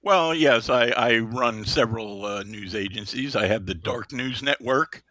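A hoarse man co-hosting a casual podcast, cracking sarcastic deadpan jokes. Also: mid-range voice, unhurried, no echo, clean studio sound. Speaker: podcast co-host. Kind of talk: casual chat.

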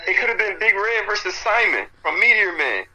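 A man's voice: high voice, big pitch swings, moderate pace, very noisy. A man on a casual panel arguing with friends, emphatic and repeating his phrases for effect. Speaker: panelist on a debate show. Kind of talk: animated casual argument among friends.

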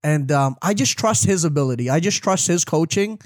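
A man's voice: a little high, expressive, fairly quick, no room sound, clean studio sound. A man giving casual sports commentary as a talk show panelist, repeating his points for emphasis.

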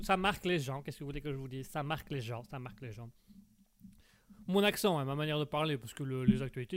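A man hosting a casual live stream, rambling and making puns while reading chat messages. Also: on the high side. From Belgium. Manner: rambling, punning, full of fillers and restarts.

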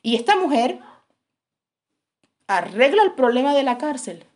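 Woman preacher telling a story, dramatic, acts out the quotes, slightly high voice. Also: very animated, unhurried, darkish tone. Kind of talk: sermon storytelling.

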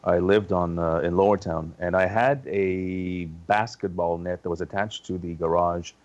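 Male interview guest, deep voice, hesitant casual recollection, lo-fi sound. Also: steady tone, normal speed, darkish tone, no room sound. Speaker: interview guest, paranormal investigator.

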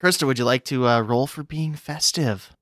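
A man's voice: mid-range voice, normal speed, a bit bright, slight background noise. A man running a tabletop game as game master, easygoing and conversational. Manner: easygoing, asks players to roll.

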